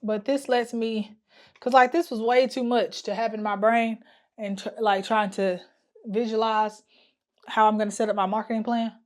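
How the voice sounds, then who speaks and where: A woman with a slightly high, slightly mellow voice and fairly even intonation talks at a moderate pace in a casual talking-to-camera vlog. She plans marketing for her travel business, thinking aloud with many fillers and restarts, and hums to herself while working at the wall.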